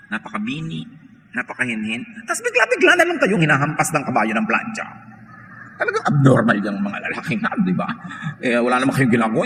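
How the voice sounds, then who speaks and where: Filipino pastor man preaching, bright voice jumping all over in pitch, big echoey church hall. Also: slight background noise. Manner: switches between Tagalog and English, quotes scripture, jokes with the congregation. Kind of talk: sermon. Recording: long hall reverb, faint room ambience.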